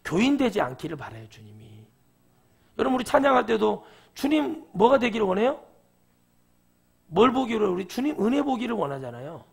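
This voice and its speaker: A man's voice: high voice, gravelly, breathy edge. A middle-aged male pastor preaching a sermon in a church, talking to the congregation and asking them questions as he goes. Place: church sanctuary.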